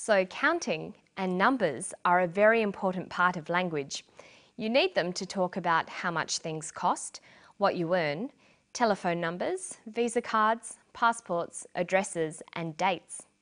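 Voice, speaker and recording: A woman reads a scripted English lesson. She speaks slowly and clearly, stressing key syllables so learners can follow. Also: lowish voice, fairly bright tone. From Australia. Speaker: English teacher. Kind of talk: scripted language lesson narration.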